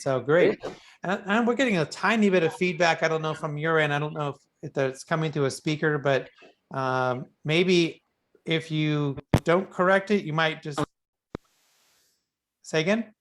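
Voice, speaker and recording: A man hosting an interview show in casual conversation, feeling his way haltingly through his questions. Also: a little high, a bit bright, slight background noise. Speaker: radio show host and interviewer.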